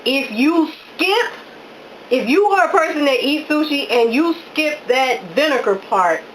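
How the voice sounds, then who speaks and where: Slow, high-voiced woman gushing over food. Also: lively intonation, a little hiss or hum, rough recording. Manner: effusive, exclaiming with delight between bites; talking with her mouth full while chewing. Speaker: home cooking vlogger. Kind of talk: casual talk while tasting food.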